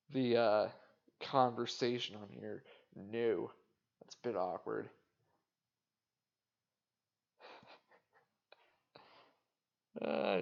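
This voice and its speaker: A man hosting a podcast, rambling casually in a flat, indifferent way, swearing and making fun of himself. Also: medium pitch, vocal fry. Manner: casual, swearing, self-mocking. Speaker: podcast host. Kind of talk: rambling solo monologue. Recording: dull lo-fi sound.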